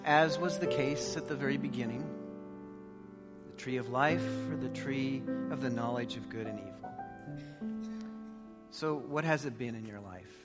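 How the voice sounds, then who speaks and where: A man's voice: medium pitch, moderate pace, long pauses. A man preaching a church sermon and praying in an emphatic, exhortative way, with short repeated phrases and rhetorical questions. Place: large church hall. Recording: large reverberant hall, music behind.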